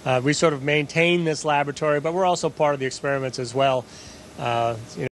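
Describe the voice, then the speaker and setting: A man in his fifties, an astronaut answering interview questions conversationally into a handheld mic inside a space station. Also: fast talker. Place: small, equipment-packed space station module. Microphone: handheld microphone. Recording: faint rumbling background noise.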